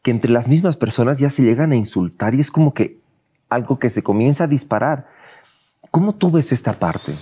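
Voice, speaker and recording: A man hosting a talk show, asking questions in a relaxed, halting way and often repeating words. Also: mid-range voice, husky. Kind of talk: casual interview.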